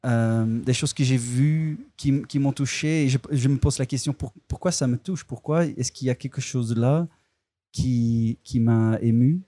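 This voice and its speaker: A man who makes films takes interview questions in a language he didn't grow up with, and French isn't his mother tongue. He speaks unhurriedly in a mellow, medium-pitched voice with no room sound, hesitating and restarting as he searches for words.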